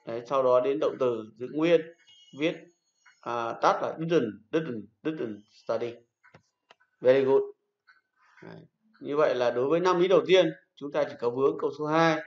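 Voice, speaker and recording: A male teacher talks his class through grammar, slowly restating each rule and praising correct answers. His voice rings around a reverberant classroom. The recording sounds dull and lo-fi. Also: medium pitch. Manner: patient, repeats rules and praises pupils. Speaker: English teacher. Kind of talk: classroom lesson. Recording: echoey room, dull lo-fi sound.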